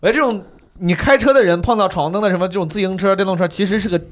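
A young man co-hosting a podcast, telling a story in an animated, profane, casual way. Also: high voice, rapid-fire. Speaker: podcast co-host.

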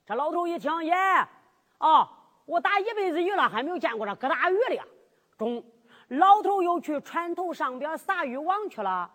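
A woman's voice: high-pitched, lively intonation, moderate pace, a bit bright, long reverb tail. A woman narrating a drum-ballad story in a dramatic sing-song way.

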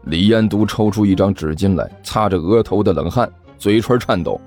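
A man narrating an audiobook in an animated storytelling manner. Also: fairly low pitch, normal speed, faint music behind.

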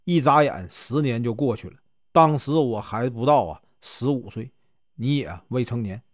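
A man's voice: mid-range voice, moderate pace, no room sound, studio quality, pitched below the performer's own voice, lightly acted. A man voicing a teasing, coaxing young fox woman in a storybook tale, with a Northeastern Mandarin accent.

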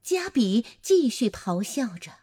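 A woman reading a children's story aloud in a playful, animated way. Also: fairly high pitch, slow pace, husky.

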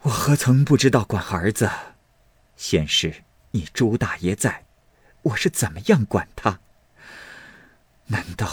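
A man voicing a worried noble mother of nearly fifty in a storybook reading, speaking low and gravely. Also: no room sound, heavily acted. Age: 40s.

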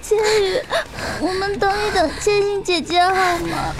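Clingy frightened little girl, woman voicing: very high, whiny, pleading, audio drama over music. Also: steady tone, unhurried, creaky, full character voice. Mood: scared pleading. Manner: pleading, whiny childlike asking.

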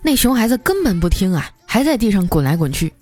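A woman host telling scripted comic stories in a playful, lively way. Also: medium pitch, quick pace. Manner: lively, playful, often laughing through punchlines. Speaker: radio comedy host.

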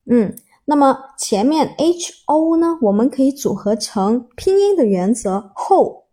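A woman teacher walks learners through a vocabulary word at a slow, patient pace, spelling it letter by letter and repeating it again and again. Her voice sits high, with a mellow, slightly husky tone. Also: animated. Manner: slow, patient, repeats and spells out words with many filler particles. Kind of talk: explaining a word step by step to learners.

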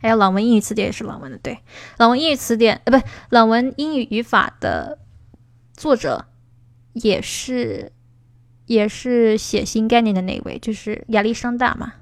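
A woman's voice: fairly high pitch, normal speed, no room sound. Chatty woman teaching on a livestream. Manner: chatty, answers viewer questions in a lively, emphatic way. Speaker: English speaking teacher.

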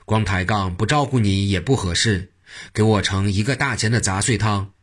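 A man voicing a joking, mischievous old monk in a spoken storybook, with a husky, low voice and a teasing, playful manner. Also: moderate pace, close to an everyday voice.

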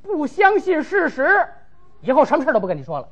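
A man's voice: extremely high pitch, wildly swooping pitch, quick pace, fairly bright tone, lo-fi sound, full character voice. A male comedian playing a chatty busybody who stammers and giggles while spreading gossip in live crosstalk. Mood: pestering.

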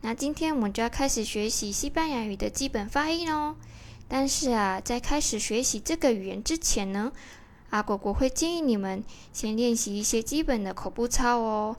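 Chatty woman teaching, bright high voice. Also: expressive, normal speed. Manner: friendly, chatty, ends lines with soft particles. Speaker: Spanish pronunciation teacher. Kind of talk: casual online lesson.

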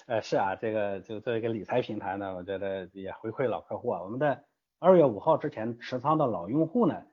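A man's voice: on the low side, a little fast, husky, dull audio. A man answering interview questions as a guest from an investment platform, emphatic and full of rhetorical questions.

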